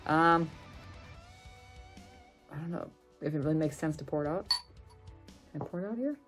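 A woman's voice: deep voice, animated, moderate pace, over music. A woman in her thirties talking casually to camera in a wry, unpolished way as she does a food challenge. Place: furnished room at home, indoors. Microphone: camera on the desk, about arm's length.

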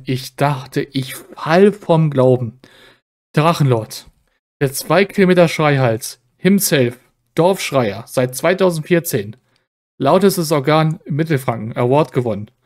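A man streaming commentary on clips in a casual, sarcastic, rambling way. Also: medium pitch.

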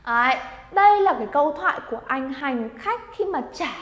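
A woman's voice: high voice, animated, fairly quick, a bit bright. A woman teaching Japanese vocabulary, encouraging her students and drilling words aloud for them to repeat. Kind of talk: language lesson. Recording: echoey room with long reverb.

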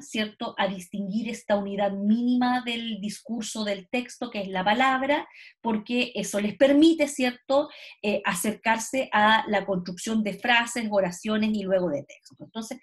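Woman lecturer over a video call, explanatory, somewhat high-pitched. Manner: explanatory, often checks in with "¿cierto?" and "¿ya?". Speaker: teacher. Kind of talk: online lecture. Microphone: computer mic on a video call.

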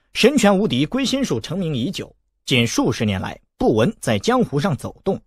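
A man narrating a novel as an audiobook, with expressive storytelling. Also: medium pitch, breathy edge, no echo, studio quality. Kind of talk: novel reading.

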